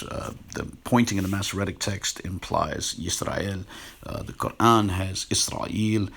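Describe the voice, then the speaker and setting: A man giving a measured, scholarly walkthrough of sources shown on screen. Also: low voice, creaky, a bit bright, husky. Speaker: video essayist on biblical words. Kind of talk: screen-share explanation.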